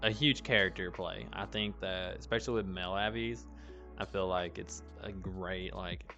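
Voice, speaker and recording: A man's voice: low voice, moderate pace, lo-fi sound, over music. A man hosting a casual chat, with a dry throat, laid-back and laughing often. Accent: noticeable accent. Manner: relaxed, chatty, laughs often. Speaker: host.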